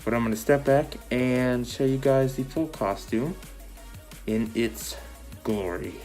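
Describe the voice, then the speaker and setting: A man's voice: mid-range voice, measured pace, a little mellow, soft background music. A man in a casual show-and-tell, his voice muffled through a full-face costume mask. He rambles loosely with many fillers and is short of breath. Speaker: vlogger showing his costume.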